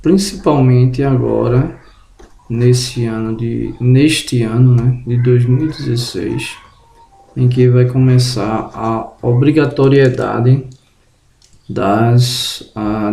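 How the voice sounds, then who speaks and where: Slow, gravelly man teaching. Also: mid-range voice, mellow, reverberant. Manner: slow and deliberate, drawing out example words; tag questions to the viewer. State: just woke up, tongue tripping. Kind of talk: spoken grammar lesson.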